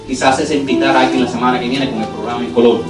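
A pastor preaching a sermon in church, earnest and turning lively when he tells a story, with English words dropped in. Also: mid-range voice, rapid-fire, far from the mic. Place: church sanctuary. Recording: echoey church hall, voice from afar, music under it.

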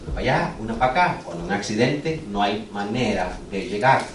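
A man's voice: on the low side, animated, fairly quick, echoey room, recorded from a distance, a little hiss or hum, low-quality recording. A man preaching a sermon, telling a personal testimony with earnest, urgent storytelling. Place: church sanctuary.

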